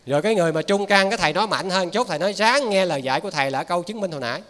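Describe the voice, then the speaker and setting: A man's voice: high-pitched, lively intonation, racing, a bit bright. A man with a Southern Vietnamese accent giving a Buddhist dharma talk as a lay preacher, in a folksy, conversational way with frequent asides to his listeners. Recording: reverberant hall.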